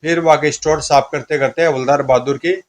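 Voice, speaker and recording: A man narrating a comic audio story in a lively storytelling manner. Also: fairly high pitch, a little fast.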